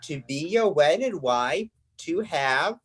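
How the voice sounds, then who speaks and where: Brief: young woman as solemn minister, slow husky delivery. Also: sits low, lively intonation, heavily acted. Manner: solemn, measured. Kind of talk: amateur play reading.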